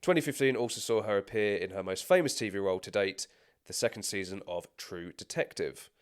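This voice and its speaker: Guy cohosting a movie podcast, lively up and down voice, stumbles and restarts a lot. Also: lowish voice, fairly quick, smooth. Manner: chatty, stumbling restarts, frequent laughter. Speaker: podcast co-host. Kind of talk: casual film podcast chat and scripted career rundown.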